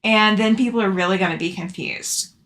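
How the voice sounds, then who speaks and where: Casting: woman, mid-pitched voice, affectionate and chatty, informal livestream host replying to comments. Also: a little fast, background noise. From Alabama, southern US. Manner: chatty, affectionate with viewers, laughs often. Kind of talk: casual chat, reading out and answering live comments.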